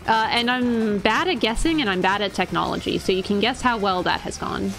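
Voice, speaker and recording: A Floridian woman livestreams a game, bantering playfully and poking fun at herself as game music plays. She speaks a little fast at medium pitch, sounding creaky and a bit bright, through poor-quality audio.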